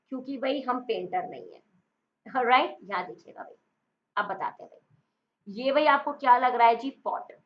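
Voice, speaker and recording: A woman teaching English vocabulary for exam prep in a chatty, playful way, mixing in English words and explaining memory tricks. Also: a little high. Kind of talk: online exam-prep lesson. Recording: dull lo-fi recording.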